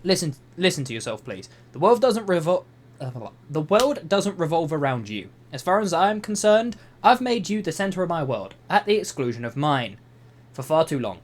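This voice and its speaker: A man's voice: a little high, very animated, moderate pace. A young man reading reddit posts aloud and commenting on them in an exasperated, rambling way, swearing often. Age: young adult. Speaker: YouTuber. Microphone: voice-over over gameplay footage.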